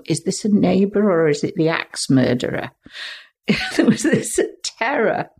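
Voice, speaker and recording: An older woman from England, a podcast guest, telling vivid childhood stories expressively and hushing her voice for suspense. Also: on the low side, creaky, breathy edge. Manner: expressive, dropping to hushed tones for suspense.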